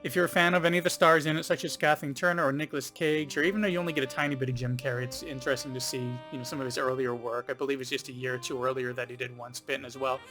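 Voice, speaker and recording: A man talks through a film review in a loose, rambling way, often pausing on ums and you-knows. His voice sits at a middle pitch. Faint music plays underneath. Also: steady tone, sharp tone. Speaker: film reviewer, channel host. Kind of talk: casual spoken video review.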